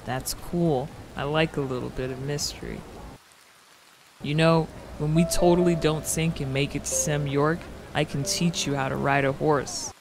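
Man playing creaky-voiced, flirty Jack Dawson. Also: a little high, fairly even intonation, normal speed, noisy background. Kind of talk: comedy skit acting.

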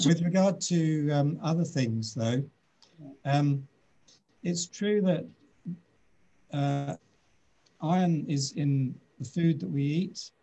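British doctor in his sixties, video call from his office, husky and mellow, thoughtful with frequent ums. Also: mid-range voice. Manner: measured, thoughtful, many "um"s. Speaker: doctor answering questions. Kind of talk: webinar Q&A.

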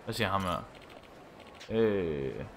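A young man with a fairly low voice chats loosely over a live game stream, swearing and laughing between lines he reads aloud. A faint hiss sits under the recording. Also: animated, creaky, fairly bright tone. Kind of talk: casual live game commentary.

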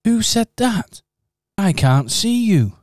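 A man's voice: high-pitched, very animated, takes it slowly, a little mellow, no echo, clean studio sound, exaggerated voice. A man voicing a polite, earnest male teddy bear in an amateur radio pantomime, talking in a slightly bewildered way.

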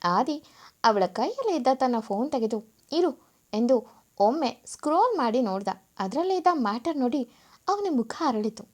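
A woman with a high voice reading a serial story aloud, steady and measured. Her narration is scripted and even, paced for listeners following episode by episode.

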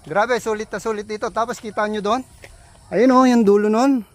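A man's voice: high voice, moderate pace, a little hiss or hum. A man vlogging as he hikes a steep mountain trail, out of breath, exclaiming often and talking to his viewers. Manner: excited, exclaims often, addresses viewers as trippers. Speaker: travel vlogger. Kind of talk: casual walking travel vlog. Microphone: handheld phone.

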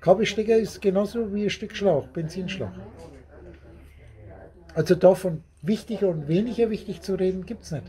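A man's voice: high voice, moderate pace, mellow. A man giving a rambling, repetitive spiritual talk to a small group at a meeting, often laughing as he speaks.

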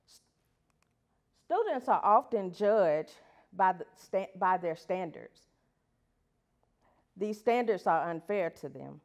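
At an education event, a female elementary school teacher gives an earnest prepared talk, reading from her pages and posing rhetorical questions to the audience. Her voice is on the low side and a little mellow.

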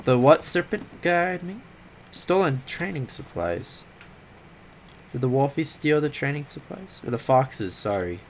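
A man hosting a gaming video, giving casual, excitable commentary with yelps and jokes about the game. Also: medium pitch, measured pace, slight background noise.

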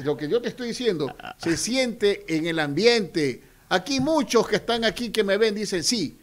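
Forceful high-voiced man campaigning. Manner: forceful, theatrical, swells to shouting. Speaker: political candidate guest. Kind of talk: radio interview, campaign speech.

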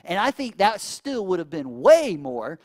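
A man delivers a laid-back church sermon in a notably high voice. He tells the story conversationally and acts out each quoted line in a slangy, everyday way. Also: sing-song, a little slow. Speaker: pastor.

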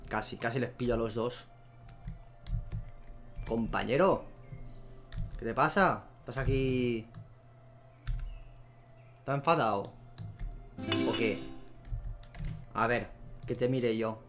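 Casting: young man, mid-pitched, chatty gameplay commentator who talks to his viewers, with faint music behind him. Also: takes it slowly, long pauses. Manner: chatty, talks to the animals and viewers, easily excited. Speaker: gameplay video host.

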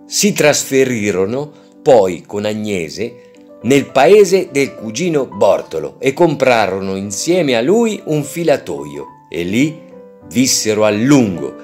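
A man's voice: on the low side, slow pace, faint music behind. A man reading an adapted classic novel aloud for language learners, voicing the quoted lines with feeling. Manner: lively storyteller, colors quoted lines. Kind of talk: slow, expressive story reading.

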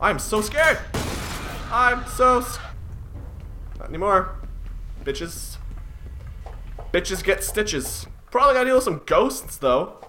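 A man's voice: sits high, very animated, slow pace, pauses often, sharp tone, slight background noise. A man giving casual commentary on a horror game, jumpy and swearing, mocking his own fear. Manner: jumpy, swearing, self-mocking, yelps when startled. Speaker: gaming commentator.

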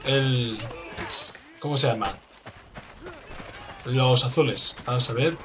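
A man with a Spanish accent from Spain, commentating a game he is playing, excitable and swearing, with sudden loud outbursts. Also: medium pitch, slow, slight background noise. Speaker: gameplay commentator. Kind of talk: let's play commentary. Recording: game music in background.

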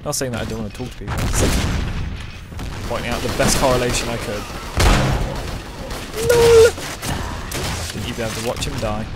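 Young English gamer, mid-pitched, loose joking commentary, gunfire blasting underneath. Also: male voice, very noisy. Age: young adult. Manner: chatty, joking, swearing at opponents. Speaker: gameplay commentator. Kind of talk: casual gameplay commentary. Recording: loud gunfire from the game behind.

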